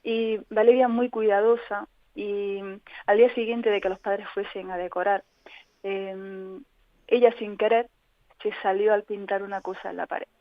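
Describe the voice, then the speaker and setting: A woman speaks as a radio interview guest, recounting her own experience in an earnest, reflective tone. Her voice sits at a middling pitch. It comes through a tinny, phone-like line with a dry sound and no room echo. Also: fairly even intonation, unhurried. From Spain. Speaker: interview guest, patient advocate. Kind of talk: personal account in a radio interview.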